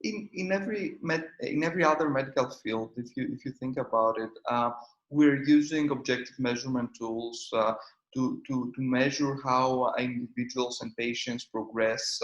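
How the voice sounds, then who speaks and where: A man's voice: mid-range voice, fairly bright tone, echoey room, lo-fi sound. A man in his thirties from Greece with a Greek accent, a company founder answering interview questions with many hesitant fillers. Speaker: startup founder and CEO. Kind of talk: conference interview.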